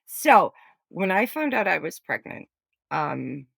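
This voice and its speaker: A woman in her forties telling personal stories in a casual podcast chat, blunt and animated, with some swearing. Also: on the low side, takes it slowly, gravelly, breathy edge, no echo. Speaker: guest.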